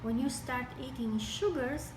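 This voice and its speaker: A medically trained woman with a Romanian accent gives an explanatory health talk to camera in a fairly high voice, her phrasing deliberate and broken into short pieces. The mic is distant, the room echoey and the background noisy.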